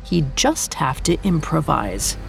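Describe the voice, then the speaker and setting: A woman tells a scripted true-crime story with dramatic storytelling. Her voice sits a little low and swings widely in pitch. Soft music runs beneath her. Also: big pitch swings, takes it slowly, creaky. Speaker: podcast narrator.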